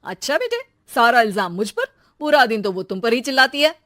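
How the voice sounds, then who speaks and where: An irritated father who works from home, put on by a woman, speaks in a high, lively voice. He complains drily and teases in cartoon-story banter. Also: a little fast. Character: irritated, teasing husband and father working from home. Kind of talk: animated cartoon story voice acting.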